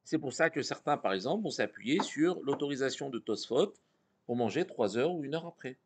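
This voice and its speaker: A man's voice: medium pitch, lively intonation, brisk, husky. A man teaching an interactive Torah class, reading Hebrew passages aloud and explaining them to his students. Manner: explains text, reads Hebrew passages then translates.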